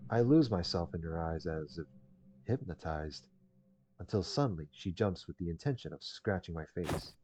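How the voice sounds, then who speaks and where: A deep-voiced man hosts a gaming video, reading visual novel text aloud and rambling casually in commentary. His dull lo-fi mic sits under loud game music, with slight background noise.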